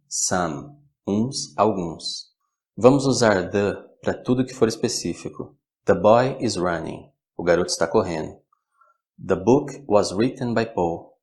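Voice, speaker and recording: A man teaching a recorded language lesson, with slow, clear, measured delivery. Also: sits low. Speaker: English teacher.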